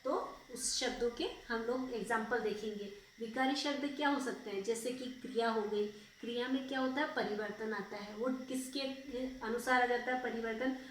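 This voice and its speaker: A woman's voice: fairly high pitch, normal speed, few pauses, a little hiss or hum. A young woman teaching a school grammar lesson, patiently repeating words and asking checking questions. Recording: very echoey room, voice far off.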